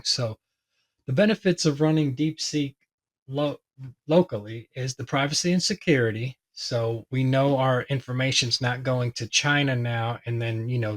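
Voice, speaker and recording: A tech video host with a hoarse, medium-pitched voice explains a tech topic to his viewers, talking casually and rambling with plenty of fillers.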